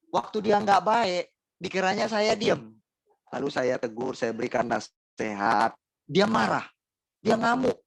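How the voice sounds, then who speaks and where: A male pastor with an Indonesian accent delivers a sermon in a gravelly, fry-edged voice. He speaks directly to his congregation, asking rhetorical questions and repeating key phrases. The recording is dry, with no room sound. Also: high-pitched, dry recording, poor audio.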